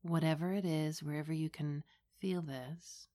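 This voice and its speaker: A woman leading a guided meditation as a meditation guide, speaking in a soothing, gentle, unhurried manner. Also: deep voice, fairly even intonation.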